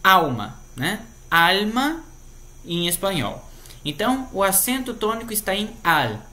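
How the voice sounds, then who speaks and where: A Brazilian Portuguese-accented man teaches a grammar lesson in a patient, explanatory way. His voice sits a little high and sounds bright and forceful. He keeps checking in with short tag questions. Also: very animated, moderate pace. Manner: patient, explanatory, tags sentences with "né?". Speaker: Spanish teacher.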